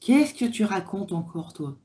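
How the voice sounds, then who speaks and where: Slow-talking chatty woman. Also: mid-range voice, big pitch swings, warm tone, a little hiss or hum. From France. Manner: chatty, rambling with many fillers. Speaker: livestream host. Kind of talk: casual live chat reading comments.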